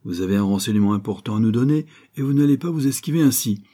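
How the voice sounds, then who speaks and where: A man's voice: mid-range voice, warm tone, breathy edge, close to an everyday voice. A man voicing a blunt, hearty male police inspector in an audiobook reading. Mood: brisk. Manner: blunt, brisk.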